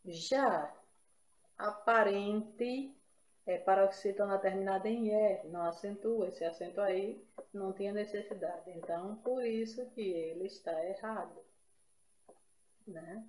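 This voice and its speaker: Slow-talking woman teaching in an echoey room. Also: medium pitch, darkish tone, slight background noise. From Brazil. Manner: explains step by step, checking in with listeners. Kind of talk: exam-prep grammar lesson.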